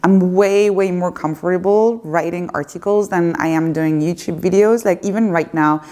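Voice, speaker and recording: Answering viewer questions at home, a woman in her thirties talks to camera in an unscripted, casual Q&A with occasional hesitations. She has a French accent and a lowish, darkish voice delivered at a moderate pace.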